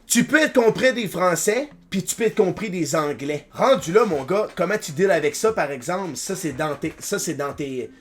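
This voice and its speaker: A young man with a Québécois accent, a streamer reacting in casual chat, mixing English slang and swearing into his talk. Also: high-pitched. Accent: Québécois French.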